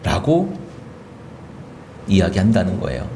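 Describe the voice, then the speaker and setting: A male pastor giving an animated sermon, often acting out the lines of the people he talks about. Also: sits low, a little slow, slight background noise. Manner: animated preaching, acting out quoted speech.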